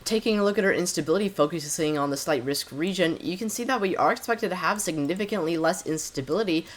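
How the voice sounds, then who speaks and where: A man's voice: high-pitched, fast. Hesitant man giving a weather forecast. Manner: hesitant, frequent "uh" fillers and self-corrections. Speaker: amateur weather forecaster, channel host. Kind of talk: weather forecast over model maps.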